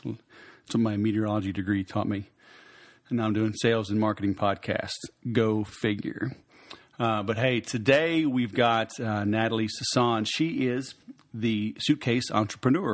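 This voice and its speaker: A man hosting a podcast in a casual interview style, halting, with frequent ums and pauses. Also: on the low side, steady tone. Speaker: podcast host.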